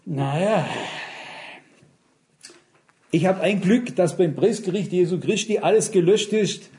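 A man's voice: high voice, normal speed. A man preaching a sermon, telling personal stories and speaking straight to his listeners. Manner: animated storytelling, addressing listeners directly.

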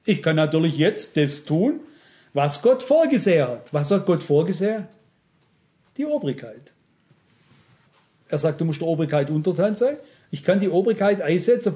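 A preacher with a notably high voice delivers an emphatic sermon. He speaks straight to his congregation and keeps asking them whether they follow him. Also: lively intonation, moderate pace, mellow. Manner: emphatic, addresses congregation directly with rhetorical questions.

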